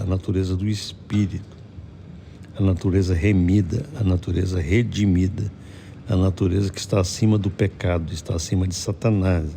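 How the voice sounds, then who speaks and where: A man's voice: low-pitched, gravelly, dark tone, a little hiss or hum. A middle-aged male pastor, preaching a devotional sermon in a conversational way and often checking that listeners follow.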